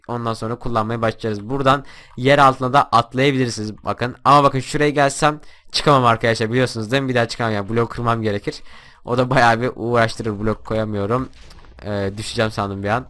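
A young man talks fast through his gameplay. His voice is bright and forceful, and he yells and taunts the other players when the action heats up. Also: mid-range voice. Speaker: gaming YouTuber. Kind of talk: live gameplay commentary.

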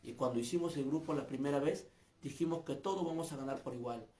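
A man's voice: medium pitch, fast talker, mellow, reverberant, slight background noise. A man, a street comedian, making an earnest, aggrieved personal statement, repeating his points. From Peru.

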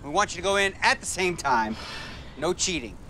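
A man's voice: high-pitched, lively intonation, moderate pace, a crowd in the background, poor audio. An American man hosting a comedy challenge as referee, speaking outdoors. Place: outdoors on a backyard pool patio.

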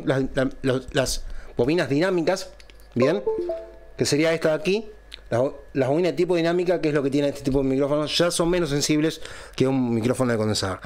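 A man with a somewhat high voice walks through a microphone review and sound test in a relaxed, explanatory way, often pausing to ask if his audience is following. He speaks close into a dynamic studio mic at a home recording setup. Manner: explanatory, checks in with a frequent "¿bien?". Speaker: channel host reviewing a microphone. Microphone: close dynamic studio microphone through a mixer.

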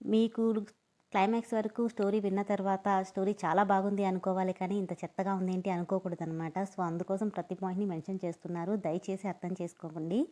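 A woman's voice: medium pitch, little pitch movement, brisk, dark tone. A woman narrating audio stories, talking chattily and apologetically to her listeners before reading an episode. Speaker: story narrator.

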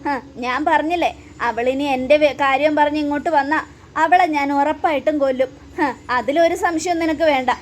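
A woman's voice: sits high, fairly even intonation, moderate pace, close to an everyday voice. A woman voicing an arrogant, hot-tempered young woman who talks scornfully and makes threats.

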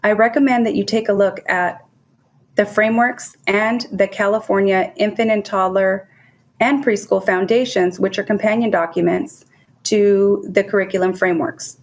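A woman presenting at an education conference, reading from a script in a measured way and listing items one by one. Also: medium pitch, fairly even intonation. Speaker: child development center presenter.

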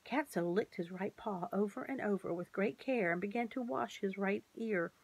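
A woman's voice: mid-range voice, husky. Woman reading a children's storybook. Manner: measured, gently expressive reading. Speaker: narrator. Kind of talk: storybook read-aloud.

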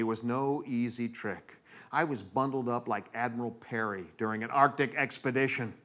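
A middle-aged man from New England, United States, performs theatrical comic storytelling on stage, acting out moments with dramatic delivery. His voice is medium-pitched with a fairly bright tone.

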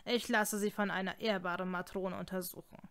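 A woman reading the lines of a cold, merciless male scholar in an audiobook, speaking quietly and with icy command. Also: medium pitch, fairly even intonation, fairly quick, clear, resonant tone, close to an everyday voice.

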